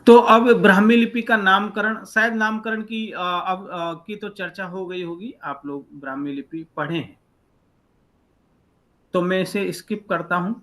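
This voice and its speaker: A man's voice: sits high, steady tone, a little slow, fairly bright tone. A man teaching an online class over a video call, patiently explaining letter by letter. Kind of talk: online lecture.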